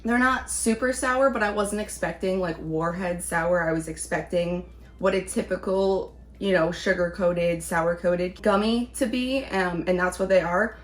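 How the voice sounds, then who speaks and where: A woman's voice: on the low side, unhurried. A woman chatting casually as she reviews things in a taste-test vlog. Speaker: vlog host, candy reviewer.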